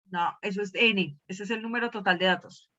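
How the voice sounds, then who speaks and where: A woman's voice: mid-range voice, steady tone, a little fast, bright, forceful tone. A woman teaching a math class, questioning her students and repeating key words. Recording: dull lo-fi class recording.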